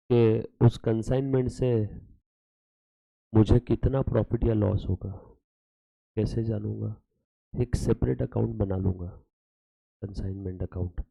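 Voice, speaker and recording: An accounts lecturer with a slight tinge teaches a live class in a mix of Hindi and English, constantly quizzing students and playfully scolding them. His medium-pitched voice is gravelly and mellow. The audio is poor, with no room sound.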